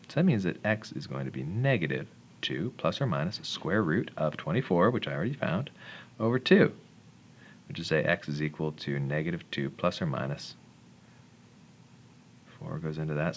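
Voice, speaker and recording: A man's voice: low-pitched, slight background noise. A man teaching math, talking himself through a worked solution in a casual, mumbling way with wry little jokes. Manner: mumbles calculations, jokes self-deprecatingly.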